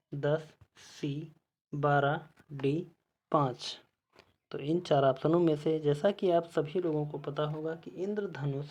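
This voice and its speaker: A male teacher giving an exam-prep lesson, reading out quiz questions and their options one by one in a measured way. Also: a little high, darkish tone, muffled recording.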